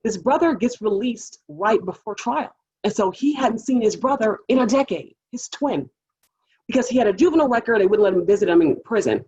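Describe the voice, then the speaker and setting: A woman with a husky, breathy voice tells a story in animated fashion, and she acts out the other people's lines. The sound is muffled and lo-fi. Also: mid-range voice, fairly quick. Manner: animated storytelling with acted quotes. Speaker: public defender. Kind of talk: panel storytelling.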